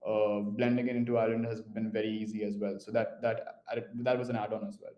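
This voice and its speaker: A young man from India, a current master's student speaking in an online info session, measured and dotted with "uh" fillers. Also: lowish voice, flat delivery, dark tone, roomy sound, dull audio.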